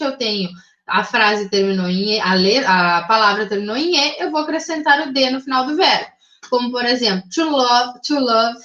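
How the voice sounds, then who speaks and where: A woman's voice: high-pitched, bright, forceful tone. A woman with a Brazilian Portuguese accent explaining English grammar to her class in a patient, methodical way, often checking in with short tag questions. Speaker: English teacher. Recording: roomy, slightly dull recording.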